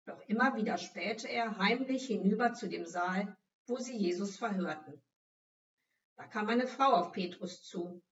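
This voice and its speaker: A woman reading a Bible story aloud for children in a scripted narration, expressive as she acts out the figures. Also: medium pitch, a little slow, echoey room. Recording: dull, slightly distant recording.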